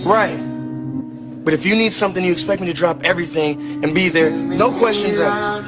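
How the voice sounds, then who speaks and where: A man's voice: high-pitched, normal speed, over music, lightly acted. An actor playing a hurt young man who reproaches a friend, in a TV drama. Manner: bitter, reproachful. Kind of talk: TV drama acting.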